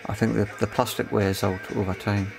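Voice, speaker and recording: In the style of a relaxed repair-video host, a man explains things plainly in a flat, fairly low voice with noticeable fry. He breaks off occasionally to find his words, over background music.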